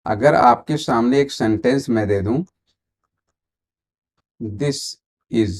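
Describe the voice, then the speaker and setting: A man with an Indian accent leads an online exam-prep grammar lesson, blending Hindi with English and quizzing viewers, then pausing for their answers. His voice is medium in pitch, slow, and a little mellow.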